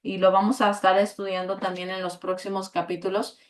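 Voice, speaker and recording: Woman leading a bible study, pretty monotone, lots of "right?" and ums. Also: mid-range voice, brisk. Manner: flat, even delivery with many fillers and tag questions.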